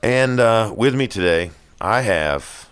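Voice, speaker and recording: A man with a low, magnetic, rumbling voice hosting a casual radio-style show in a self-deprecating, sweary way. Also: lively intonation, slow pace, fairly bright tone, smooth, no room sound. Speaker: podcast host.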